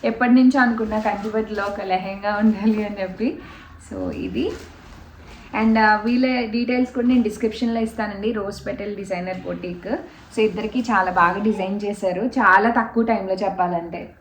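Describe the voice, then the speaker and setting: A woman's voice: mid-range voice, fairly even intonation, a little fast. A woman chatting casually in a home vlog as she shows off a parcel, slipping English fillers into her talk. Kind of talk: casual show-and-tell vlog. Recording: roomy home room with faint background noise.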